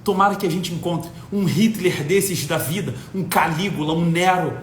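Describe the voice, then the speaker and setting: A Brazilian man giving an impassioned talk from home, blunt and emphatic, swearing for emphasis. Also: normal speed. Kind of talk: impassioned lecture to an audience. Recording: echoey room with faint rumble.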